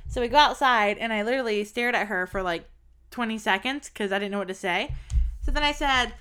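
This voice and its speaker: Young woman, casual chat co-host; brassy bright tone, blunt and animated, swears freely. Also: a little high, a little fast, clean tone, soft background music.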